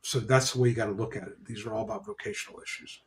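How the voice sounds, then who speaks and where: A man's voice: fairly low pitch, racing, vocal fry, a little hiss or hum. Man explaining with frequent fillers. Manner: explains in a practical way, many "you know" fillers. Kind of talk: explanatory casual discussion.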